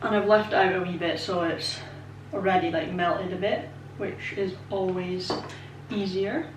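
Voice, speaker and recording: Baking at home, this Scottish woman in her twenties rambles through a casual vlog, poking fun at herself and peppering her talk with ums and likes. She has a lowish, steady, unhurried voice. Picked up by a camera placed away from her, the sound is distant and echoey with slight background noise.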